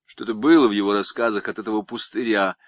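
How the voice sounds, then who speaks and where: A man narrating an audiobook in an expressive, ironic storytelling manner. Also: lowish voice, quick pace, dry recording.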